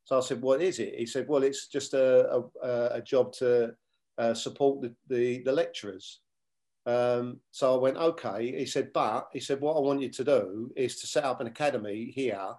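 Man in his sixties, middle pitch, former player and coach, measured storytelling, interview guest. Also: a little mellow. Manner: measured, many fillers and restarts, retells dialogue.

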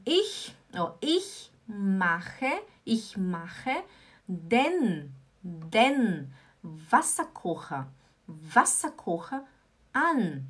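A woman teaching German in a live online lesson, slowly repeating and drilling words. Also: medium pitch, a bit bright, breathy edge. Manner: slow, repetitive drilling of words.

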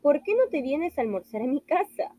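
Woman doing a greedy, smooth-talking storybook fox, soft and mellow. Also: sits high, big pitch swings, fairly quick, no echo, pitched above the performer's own voice. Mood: coaxing. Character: hungry scheming fox.

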